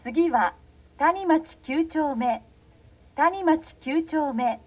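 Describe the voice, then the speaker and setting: A woman's voice: high-pitched, lively intonation, extremely slow, phone-quality sound. A woman reading formal, scripted station announcements as a subway announcer. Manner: formal, carefully phrased.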